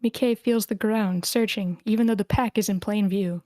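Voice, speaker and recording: A woman narrates stage directions and chats casually and encouragingly while hosting a screenplay table read. Her mid-range voice is steady and a little mellow at normal speed, captured in a dry, studio-quality recording.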